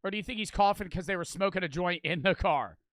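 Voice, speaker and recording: A man hosting a reaction video, commenting excitedly and swearing as he reacts to footage. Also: high voice, fast, no echo, clean studio sound. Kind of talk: casual commentary.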